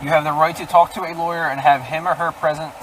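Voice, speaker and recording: A man's voice: on the high side, steady tone, fast talker. A male police officer reading arrest rights in a formal, recited way, recorded on a body camera. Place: outdoors by vehicles, body camera. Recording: distant mic, loud outdoor traffic noise.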